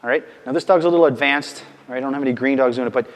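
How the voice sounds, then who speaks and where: A man's voice: medium pitch, rapid-fire, long reverb tail. A male dog trainer giving a casual instructional demonstration, often checking in with "okay?" and "right?", and calling out firm short commands to his dog.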